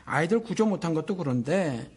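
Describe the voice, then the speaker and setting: A man's voice: a little high, expressive, a little fast, darkish tone, slightly rough. A Korean man, a pastor, talking earnestly and indignantly on a radio-style program, thinking aloud with fillers. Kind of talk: casual radio talk. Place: lives in Texas, USA.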